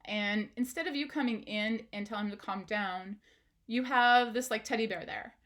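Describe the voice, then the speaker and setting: A woman's voice: mid-range voice, moderate pace, a bit bright. A woman, a parenting educator, giving an instructional talk straight to the viewer, asking questions and encouraging them.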